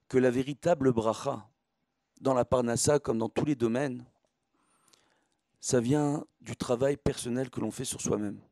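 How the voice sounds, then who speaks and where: A man's voice: mid-range voice, creaky, mellow, no echo, studio quality. A man giving a religious lecture as a rabbi, teaching emphatically with repetition and rhetorical questions. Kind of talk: religious sermon with everyday analogies.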